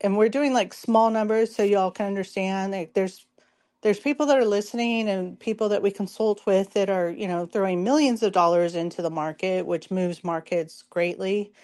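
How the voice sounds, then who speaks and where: Hoarse woman hosting a casual talk show. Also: mid-range voice, moderate pace, darkish tone. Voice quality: hoarse, strained voice. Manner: informal, explanatory, addresses listeners directly. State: hoarse, losing her voice. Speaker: show host. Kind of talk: casual market commentary.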